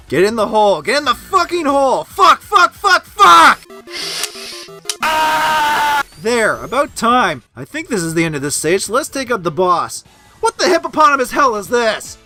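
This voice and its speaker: A man's voice: high voice, sharp tone. A man doing a comedic angry gamer review, ranting and swearing in exasperation like a raging gamer. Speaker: video game reviewer. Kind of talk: comedic angry gamer parody review, scripted narration with outbursts.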